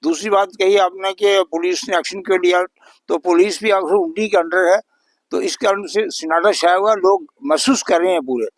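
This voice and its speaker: An elderly man in his eighties speaks in a higher register than most men. His voice is dry and close, with almost no room sound. He talks earnestly and indignantly, pressing the same complaints again and again. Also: steady tone, moderate pace, dry recording. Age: 80s. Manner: earnest, indignant, repeats points for emphasis. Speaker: local resident interviewee. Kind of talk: news interview.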